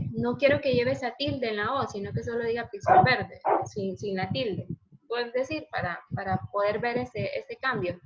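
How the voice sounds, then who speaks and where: A woman teaching a programming class, patiently asking her students questions as she explains. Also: a little high. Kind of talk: online class lesson. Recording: dull lo-fi sound, faint noise.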